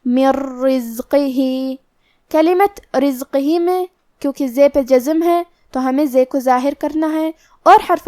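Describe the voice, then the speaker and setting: A woman with a high, light voice gives a tajweed lesson. She works through each letter and rule in order, methodical and unhurried, like a patient teacher. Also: a little mellow, no room sound, clean studio sound. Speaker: Quran recitation teacher. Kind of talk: tajweed lesson explaining pronunciation rules.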